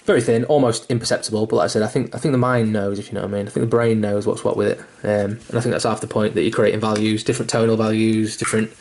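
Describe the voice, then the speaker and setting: A man's voice: on the low side, fairly even intonation, very fast, few pauses, darkish tone. A young man giving a casual miniature painting tutorial, rambling a little, with fillers, restarts and the odd swear word. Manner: mildly self-deprecating and sweary. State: hiccuping.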